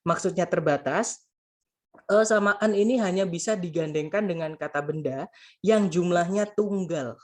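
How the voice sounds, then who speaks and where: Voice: mid-range voice, normal speed, darkish tone. Casual grammar tutor talking to friends, patient, goes over each example twice. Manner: patient, repeats points and translates each example; keeps addressing listeners as friends. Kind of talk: casual spoken grammar lesson.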